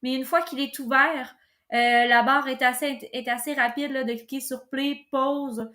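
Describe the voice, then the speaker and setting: A woman presenting an informal step-by-step software tutorial. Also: high voice, fairly even intonation, measured pace.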